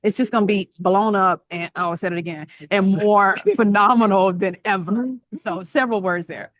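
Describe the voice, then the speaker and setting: Calm lady sharing thoughts on a team call, average pitch, dry sound. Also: normal speed, dry recording.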